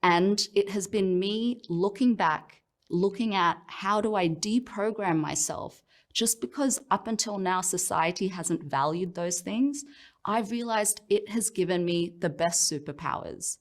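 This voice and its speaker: Woman, Australian accent, fairly low voice, reflective, personal, speaker sharing her own story. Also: measured pace. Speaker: professional speaker. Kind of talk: personal motivational talk.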